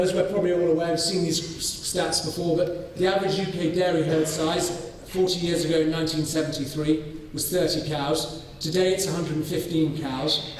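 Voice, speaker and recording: A man from North Wales, giving a conference presentation on his farming study, measured and full of ums and restarts. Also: on the high side, a little hiss or hum. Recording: echoey hall, voice from far off.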